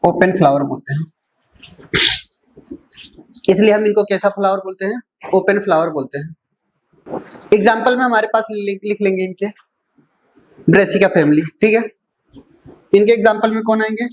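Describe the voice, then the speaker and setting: Teacher who keeps checking "clear?". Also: medium pitch, a little mellow, poor audio. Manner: keeps asking "clear?" and answering own questions; repeats key points slowly. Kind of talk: classroom lecture mixing Hindi and English terms.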